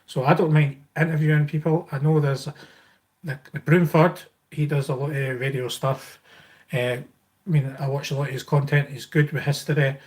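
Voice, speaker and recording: Reading out viewer comments and answering them, a Scottish-accented livestream host chats informally and rambles through a live Q&A. His voice is on the high side, with a steady, darkish tone and a moderate pace.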